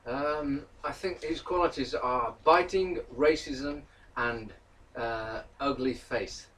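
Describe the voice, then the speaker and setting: A man's voice: mid-range voice, slow pace, fairly bright tone. A man co-hosting a casual podcast, answering quiz questions with jokes and wisecracks. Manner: joking, wisecracking. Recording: distant mic.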